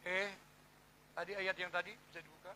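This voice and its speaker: A middle-aged man preaching a sermon to a church congregation, shifting between hushed, intimate asides and loud, emphatic declarations. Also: high voice, fairly even intonation, moderate pace. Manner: testimony-style preaching, repeats "saudara", swings between hushed and loud. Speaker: pastor. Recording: gravelly voice over clear background hum.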